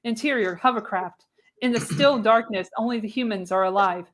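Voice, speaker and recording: A podcast host reads screenplay narration for a live radio play, her voice fairly high and her pace normal. She performs theatrically, leaning hard on the action.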